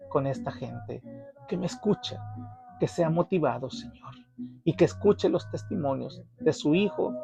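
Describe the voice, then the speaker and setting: A male pastor prays slowly and solemnly, his voice somewhat high with a gravelly fry. Music plays clearly behind him throughout. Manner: slow, solemn and reverent. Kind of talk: prayer.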